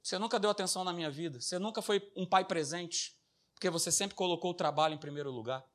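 Man putting on a bitter daughter, quick reproachful lines, high bright voice. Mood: resentful. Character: resentful adult daughter, fed-up mother.

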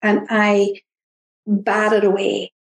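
A woman with an Irish accent, a podcast guest talking in an earnest, halting way with frequent restarts. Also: mid-range voice, monotone, gravelly. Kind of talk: reflective interview talk. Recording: roomy echo.

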